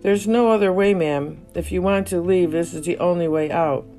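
A woman's voice: on the low side, normal speed, warm tone, close to an everyday voice. A woman reading the lines of a polite, firm male cab driver in a spoken memoir, with faint guitar music behind. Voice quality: matter-of-fact, insistent.

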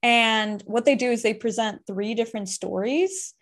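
A young woman co-hosting a podcast in casual chat, animated, swearing freely and laughing often. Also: a little high, normal speed. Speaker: podcast co-host.

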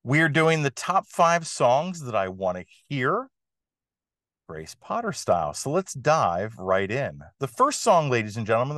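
Animated, unhurried male music podcaster. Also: mid-range voice, dry recording, clean studio sound. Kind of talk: enthusiastic music review monologue.

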